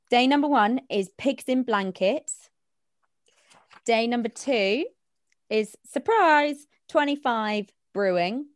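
A woman's voice: on the high side, smooth, no room sound, studio quality. A nineteen-year-old woman chatting casually, laughing often and filling her talk with "like". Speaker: co-host. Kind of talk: casual chat.

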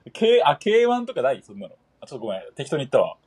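A young man co-hosting a podcast in casual comedic banter, firing back quick exasperated retorts and often laughing. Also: on the high side, huge pitch swings, background noise. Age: young adult. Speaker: podcast co-host.

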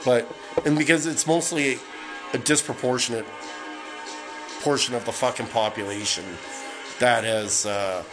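A man's voice: mid-range voice, steady tone, measured pace, long pauses, poor audio. A man from Canada ranting on a solo podcast, swearing constantly in a heated, rambling way. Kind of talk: casual profane rant. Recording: music playing in the background. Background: music from a record player.

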